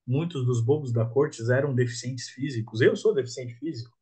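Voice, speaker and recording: A man with a husky, slightly breathy voice, speaking as a podcast guest. He thinks out loud in a relaxed, reflective way and keeps checking in with his listener. His pitch sits in an ordinary middle range. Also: brisk. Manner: reflective, tags thoughts with 'né?'. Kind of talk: casual podcast conversation.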